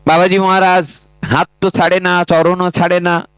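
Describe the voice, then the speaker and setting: A man's voice: high-pitched, little pitch movement, a bit bright, smooth, dry recording, low-quality recording. A man preaching a devotional story sermon, breaking into chanted verses and speaking directly to the women listening. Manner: drawn-out chanting delivery, dramatic voicing of quoted characters. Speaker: Bhagavata reciter.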